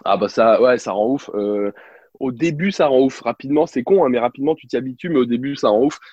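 Fast-talking husky French man. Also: mid-range voice, no room sound, lo-fi sound. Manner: animated anecdotes with many fillers and restarts. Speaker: guest, former basketball reporter. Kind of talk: casual interview storytelling.

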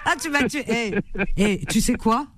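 A woman's voice: on the high side, animated, a little slow, crowd noise. A woman hosting a radio call-in show, chatting casually and effusively with callers. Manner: effusive, laughing, talks over callers.

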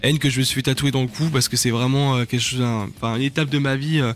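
A man's voice: medium pitch, steady tone, fast. A man with a French accent speaks in a mid-range voice, with faint music behind him. He talks in a casual, slangy way, as a guest in a radio interview, and often gropes for the next word. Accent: French from France. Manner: hesitant, slangy, searching for words. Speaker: band singer and lyricist, interview guest.

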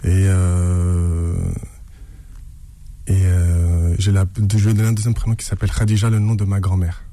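A man's voice: low voice, flat delivery, moderate pace, warm tone. A man from France, a guest author in a radio interview, speaking hesitantly with many fillers and restarts.

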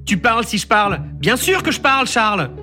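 A man's voice: high-pitched, expressive, normal speed, music in the background. A man voicing a vain, grumpy drawn dragon in a storybook reading, demanding and complaining. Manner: demanding, rhyming nicknames, complaining.

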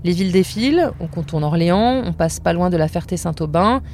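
A woman's voice: on the low side, lively intonation, brisk, a little mellow, slight background noise. A woman podcast host telling a personal story in casual narration, with a wry, self-mocking humor.

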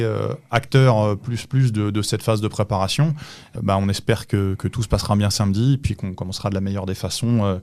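A man who is an assistant basketball coach, giving measured, explanatory answers in a podcast interview with touches of dry humor. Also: fairly low pitch, darkish tone, dry recording.

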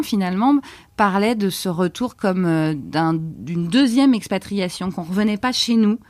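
A woman from France, co-hosting a podcast, telling a personal story in a lively, chatty way. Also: on the low side, no room sound. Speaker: podcast co-host.

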